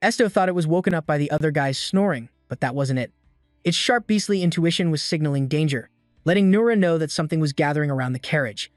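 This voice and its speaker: A man reading a scripted story recap in a steady, even storytelling manner. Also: a little high, fast talker, dry recording. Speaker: recap narrator. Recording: dry voice-over with soft music.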